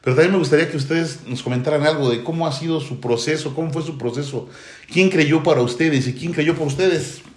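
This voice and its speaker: A man's voice: on the high side, fairly quick. A man giving a heartfelt church testimony. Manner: heartfelt, fervent. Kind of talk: emotional testimony. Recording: echoey room.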